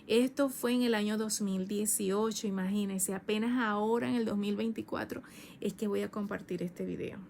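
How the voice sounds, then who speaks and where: A woman in her thirties preaching her own testimony with fervor, circling back on phrases again and again. Her voice sits at an ordinary middle pitch but climbs sharply when the feeling takes over. A faint hiss of noise sits under the recording. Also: darkish tone. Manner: fervent, repeats phrases, voice rises high when emotional. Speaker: evangelist. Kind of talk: personal testimony sermon.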